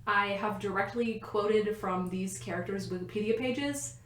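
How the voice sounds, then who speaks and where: A young woman co-hosts a casual podcast from her bedroom, rambling happily and laughing through her sentences. Her voice sits at an ordinary pitch, and the room around her gives it a noticeable echo. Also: normal speed, a little hiss or hum. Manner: giggly, rambling, often laughing mid-sentence. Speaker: podcast co-host. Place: a bedroom at home.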